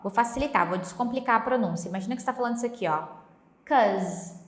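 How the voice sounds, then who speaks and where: A woman from Brazil teaching English pronunciation through a song, explaining step by step and slowly repeating lyric lines. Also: a little high, roomy sound.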